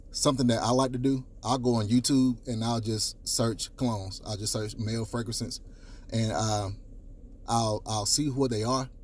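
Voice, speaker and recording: A young man with a low, rich baritone coaches his viewers on dating, pressing each point and repeating himself for emphasis. He talks casually and swears now and then. A faint hiss of background noise sits under his voice. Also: a little mellow. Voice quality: deep baritone. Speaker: dating advice host. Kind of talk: direct-to-camera advice talk.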